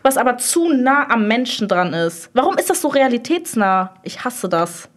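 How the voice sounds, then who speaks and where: A young woman in her twenties, a podcast guest chatting with friends, dramatic and excitable as she tells stories. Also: on the high side, normal speed. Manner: dramatic, excitable, jumps in often. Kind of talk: casual chat among friends.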